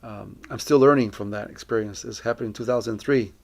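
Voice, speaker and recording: A Colombian man in middle age speaks as a missionary, sharing a personal testimony in an earnest, reflective and deliberate manner. His voice sits fairly low and has a creaky quality.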